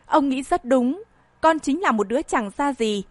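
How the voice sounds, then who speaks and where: A woman's voice: high-pitched, animated, measured pace, no echo. A woman reading an audiobook voices a defiant young woman who taunts and scorns her family. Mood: taunting.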